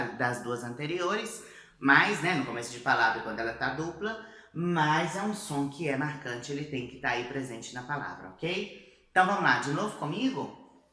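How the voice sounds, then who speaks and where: A woman's voice: deep voice, a bit bright. Patient Brazilian woman teaching, very echoey room. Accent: Brazilian Portuguese. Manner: patient and encouraging, checks in often with short tags. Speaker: Spanish teacher. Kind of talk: online language lesson.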